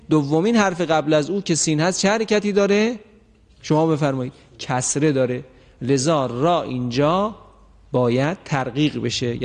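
A man with a slightly high voice gives a recitation lesson, slowing right down to draw out each example word. He asks his listeners questions and then answers them himself. His voice carries a long reverb tail, as if recorded in a hall. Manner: slow, drawn-out recitation of example words. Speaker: Quran recitation teacher. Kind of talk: tajweed lesson.

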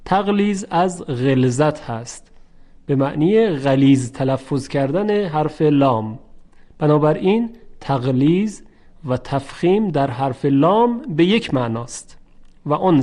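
A man teaching a recitation lesson, stretching out example words slowly and explaining briskly in between. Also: on the high side, a little mellow.

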